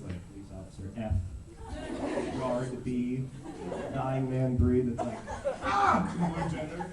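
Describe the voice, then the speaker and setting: A young man telling anecdotes to a convention audience, acting out quoted dialogue and laughing often. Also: mid-range voice. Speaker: voice actor on a convention panel. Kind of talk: storytelling to an audience. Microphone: handheld camera in the audience. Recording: echoey hall taped from far off, loud noise.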